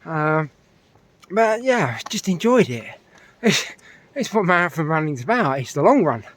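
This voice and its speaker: A man's voice: on the high side, big pitch swings, a little slow, a bit bright. A middle-aged man with a British accent, a little out of breath after a run, chatting casually to camera and rambling with lots of fillers and restarts. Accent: British English. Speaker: running vlogger.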